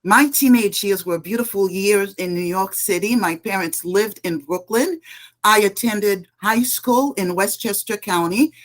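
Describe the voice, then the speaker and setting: A woman's voice: mid-range voice, measured pace. A middle-aged woman from Haiti, a political candidate giving emphatic answers in a panel interview and laying out her points one by one. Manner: earnest, emphatic, lists points.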